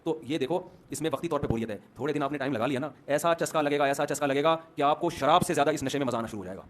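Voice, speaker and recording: Lively preacher man. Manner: lively, asks the crowd questions and answers himself; acts out short quoted dialogues in a lowered voice. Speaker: Islamic preacher. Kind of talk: sermon to young men.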